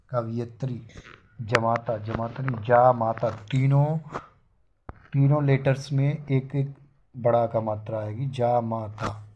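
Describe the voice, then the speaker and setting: A man runs a spelling lesson at a slow, deliberate pace. His pitch sits in an ordinary middle range. He says each word twice and sets the wrong form against the right one. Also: a little mellow, lo-fi sound, a little hiss or hum. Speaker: teacher. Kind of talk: exam-prep spelling lesson.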